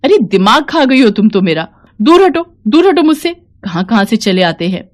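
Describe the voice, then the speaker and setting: A woman's voice: on the high side, moderate pace, darkish tone, close to an everyday voice. A woman voicing a young daughter-in-law who has become an officer, speaking emotionally and emphatically. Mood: angry. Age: young adult.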